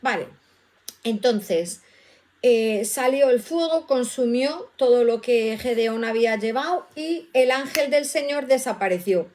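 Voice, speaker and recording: A woman leading a casual Bible study, lively and acting out the voices in the verses she reads. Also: fairly high pitch, measured pace. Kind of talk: casual scripture teaching.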